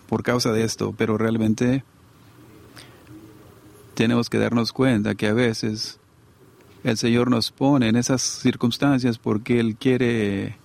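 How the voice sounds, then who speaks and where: A man's voice: medium pitch, vocal fry, a little mellow. A middle-aged man preaching a sermon to a congregation in a conversational way, often asking his listeners to agree.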